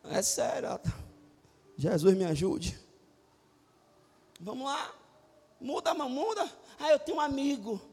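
A middle-aged man, preaching a lively, joking sermon from a church pulpit, breaking into sudden shouts and acted-out quotes. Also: extremely high pitch, measured pace, creaky, pauses often, husky. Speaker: pastor. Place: church sanctuary. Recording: reverberant church hall.

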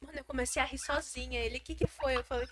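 A teenage girl co-hosting a podcast, telling stories in an animated, swearing casual chat. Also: high-pitched, fast, a loud crowd. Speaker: podcast co-host.

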